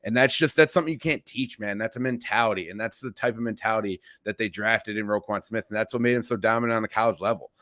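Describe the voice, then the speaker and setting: A man's voice: lowish voice, fast talker, few pauses, fairly bright tone, dry recording, studio quality. A young man co-hosting a sports podcast, talking casually in an emphatic, profane way. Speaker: podcast co-host.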